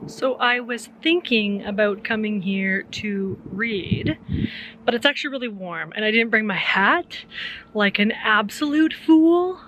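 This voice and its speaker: A woman chatting casually to camera in a vlog, with playful, mock-serious deadpan humour. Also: mid-range voice, a little slow, noisy background. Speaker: vlogger.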